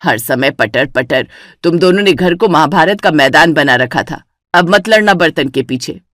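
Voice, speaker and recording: Brief: cartoon mother-in-law, older and commanding, played by a woman, lowered firm voice. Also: lively intonation, normal speed, fairly bright tone, no echo, clean studio sound. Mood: scolding. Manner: scolding, commanding. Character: stern older mother-in-law, head of house.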